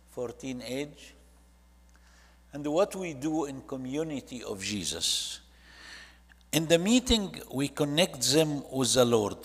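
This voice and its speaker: An Egyptian man who leads a church ministry talks to a congregation in a reverberant hall, narrating a series of photo slides. His voice is mid-range, and he speaks haltingly in short phrases with non-native English grammar.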